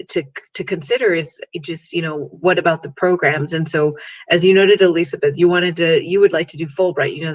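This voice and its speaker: A man's voice: on the high side, a bit bright. A man moderating a panel discussion, rambling with many fillers. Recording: dull lo-fi audio.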